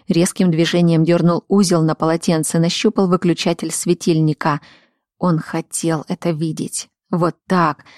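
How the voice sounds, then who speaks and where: A woman narrating an audiobook in a steady, measured reading voice. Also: fairly low pitch, no echo, studio quality. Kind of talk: scripted narration.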